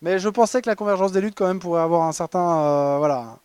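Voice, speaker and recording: Chatty high-voiced French man presenting. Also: quick pace, a little mellow, clean tone, no echo. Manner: ironic, chatty, many fillers and restarts. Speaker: conference presenter. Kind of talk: humorous award presentation. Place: conference hall.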